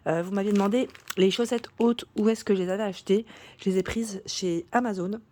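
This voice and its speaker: A woman vlogger chatting casually through a shopping haul, full of fillers and restarts, her voice cracking and hoarse at times. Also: medium pitch, steady tone, brisk, dark tone, a little hiss or hum. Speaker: YouTube vlogger.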